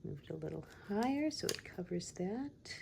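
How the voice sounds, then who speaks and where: A woman chatting casually and thinking aloud in an unhurried, musing way as she hosts a planning session. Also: on the low side, big pitch swings, creaky, background noise. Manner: unhurried, musing, talks to herself while working. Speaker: host of a planner decorating video.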